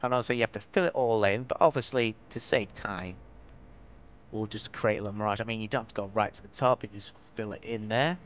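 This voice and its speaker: A man's voice: on the low side, a little fast. A man from northwest England with a Lancashire accent, giving a casual, rambling, self-deprecating commentary as host of a game-building tutorial. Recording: dull lo-fi mic, clear background noise.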